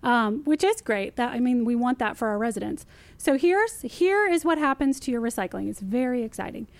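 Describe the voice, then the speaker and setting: A woman's voice: on the high side, fairly quick, no echo. Upbeat woman explaining. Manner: lively, emphatic, repeats key phrases. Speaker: city recycling guest expert. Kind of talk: casual explanatory interview talk.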